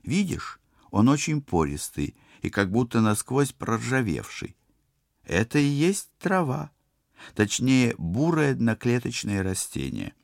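A man's voice: mid-range voice, very animated, a little slow, gravelly, dry recording, clean studio sound, voice pushed up. A man voicing a scholarly young woman crew member who explains things precisely, in an audiobook. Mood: explaining. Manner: precise, lecturing.

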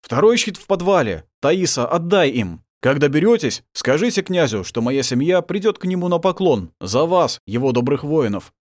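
A man voicing a wounded village miller and father in an audiobook, gruff and loud. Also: fairly high pitch, big pitch swings, normal speed, few pauses, no room sound, clean studio sound, pitched above the performer's own voice. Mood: warm. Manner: shouting, gruff.

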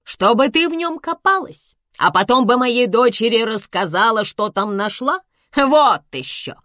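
A woman's voice: medium pitch, huge pitch swings, unhurried, no room sound. Brief: woman playing a bossy, sardonic older mom, clipped, dry sound. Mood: snapping. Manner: curt, sardonic. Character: sharp-tongued older mother, dry and bossy. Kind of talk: audiobook character voice.

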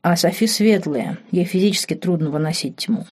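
Woman doing a serious teen big brother, steady, mellow voice. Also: sits high, moderate pace, breathy edge. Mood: solemn. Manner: solemn, explaining. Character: solemn teenage boy, responsible older brother.

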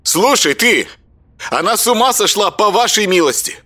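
A man's voice: sits high, lively intonation, moderate pace, bright, forceful tone, full character voice. A man voicing an indignant, protective young woman who pleads in outrage. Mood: outraged. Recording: music bed behind voice.

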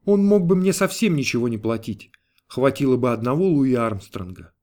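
A man reading a story aloud in a measured, even storytelling manner. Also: mid-range voice. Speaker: audiobook reader. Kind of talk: scripted narration.

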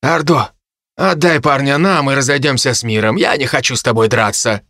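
A man reading an audiobook plays a burly, hard-drinking gang leader with a loud, rough manner. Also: medium pitch, moderate pace, dry recording, clean studio sound. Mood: blunt.

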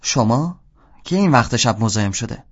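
A man's voice: mid-range voice, expressive. A man voicing an adult woman woken late at night, curt and suspicious at first. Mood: irritated. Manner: curt, suspicious, then flirtatious. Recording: dull lo-fi audio.

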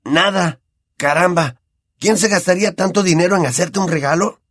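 A man's voice: high-pitched, normal speed, a bit bright, no room sound, clean studio sound, pitched above the performer's own voice. A man doing a boisterous teenage boy. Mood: amazed. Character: excitable teenage boy, joking and impatient.

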